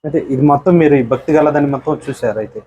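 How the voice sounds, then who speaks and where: A man conducts a relaxed interview in a husky, slightly rough voice. He listens calmly and repeats the answers back to the farmer. The sound is a little dull and dry. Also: fairly high pitch, quick pace, dry recording. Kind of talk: conversational interview.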